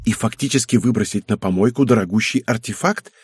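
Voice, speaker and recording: A male narrator voices an irritable aristocratic wife who snaps and grumbles. The voice is husky, sits a little higher than a plain male reading voice, and is recorded close and dry like a storybook reading. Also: animated, moderate pace, a little mellow, no room sound. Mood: grumbling. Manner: snappy, irritable.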